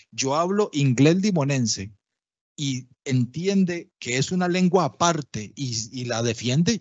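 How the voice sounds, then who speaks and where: A man lectures in an explanatory, step-by-step way, often pausing to check his listeners are with him. His voice is slightly husky and sits at a middle pitch. The sound is dull and lo-fi, with a dry, close feel. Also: darkish tone, no room sound. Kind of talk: public talk on language history. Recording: dull lo-fi livestream audio, dry.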